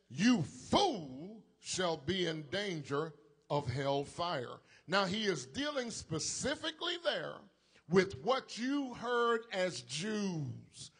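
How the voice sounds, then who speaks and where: A man's voice: high voice, fairly bright tone, husky. A male preacher delivering a sermon in an emphatic preaching style, calling on the congregation to repeat after him. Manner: slow, emphatic preaching with call-and-response to the congregation.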